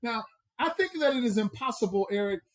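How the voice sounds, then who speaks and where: A man's voice: very high-pitched, animated. A man from the American South with a Southern accent, talking as a personal growth coach on a podcast in an emphatic, preacher-like way. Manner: emphatic, preacher-like, drawn-out stresses. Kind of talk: motivational podcast talk.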